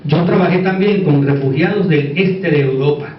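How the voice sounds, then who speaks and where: A man with a Puerto Rican Caribbean Spanish accent speaks in a slightly high voice, lecturing informally with asides. He repeats key words and seeks agreement. The recording is dull and picked up from a distance. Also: normal speed. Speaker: conference speaker. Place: echoey indoor conference room. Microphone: distant microphone. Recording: echoey room, distant dull mic, faint noise.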